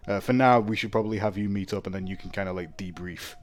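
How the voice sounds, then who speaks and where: A man running a tabletop game as game master, in a relaxed, hesitant way with many fillers. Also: low-pitched, fast, faint music behind.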